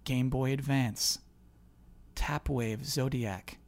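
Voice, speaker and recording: A man's voice: mid-range voice, fairly even intonation, slow pace, gravelly, darkish tone. A man chatting casually as the host and quiz reader on a gaming podcast.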